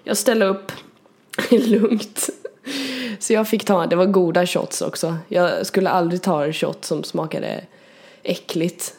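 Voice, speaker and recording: A woman co-hosting a podcast, chatting casually and telling an animated story with frequent laughter. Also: fairly low pitch, gravelly. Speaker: podcast co-host.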